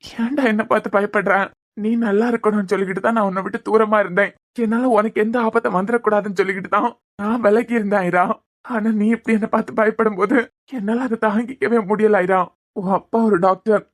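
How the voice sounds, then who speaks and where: A woman's voice: medium pitch, fairly even intonation, fast talker, lightly acted. A woman voicing a heartbroken pleading father. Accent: Kanyakumari Tamil. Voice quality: pleading, sorrowful, repeating the child's name. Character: grieving young father, a doctor, pleading with his daughter. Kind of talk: cartoon voice acting.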